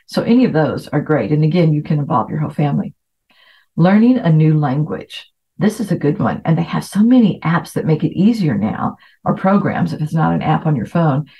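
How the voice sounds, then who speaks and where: This podcast host, a middle-aged woman raised in Latin America, delivers a chatty, anecdote-filled self-help talk in an informal style. She speaks briskly in a low, mellow voice with lively intonation, captured on a dull, lo-fi recording.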